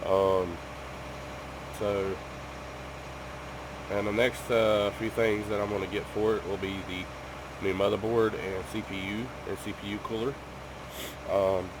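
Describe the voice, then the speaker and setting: This gaming YouTuber is unwell with a cough and speaks to viewers at home in a fairly low, flat voice, measured in pace and pausing often. The chat is casual and rambling, full of ums and restarts, over a noisy background.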